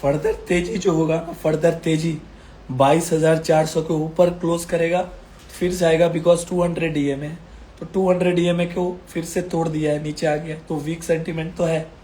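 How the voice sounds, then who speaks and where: A man's voice: fairly high pitch, little pitch movement, moderate pace, mellow. A man giving stock market commentary while unwell, his throat strained and coughing, repeating phrases emphatically to reassure viewers. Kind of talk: casual market commentary video.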